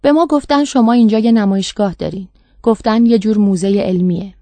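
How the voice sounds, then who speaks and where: A woman's voice: mid-range voice, dark tone, dry recording, natural voice. A woman voicing a practical mother taking charge, matter-of-fact, in a storybook reading. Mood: puzzled.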